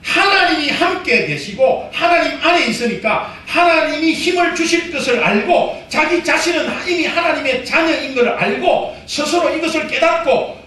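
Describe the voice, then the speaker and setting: High, lively-voiced male pastor preaching. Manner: animated preaching, acts out self-talk, calls out to the congregation. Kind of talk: sermon. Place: church sanctuary. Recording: echoey church hall, mic at a distance.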